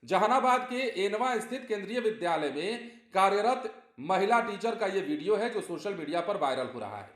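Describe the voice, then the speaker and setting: A man presenting a news report with commentary, emphatic and repeating phrases for effect. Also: high voice. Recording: roomy echo.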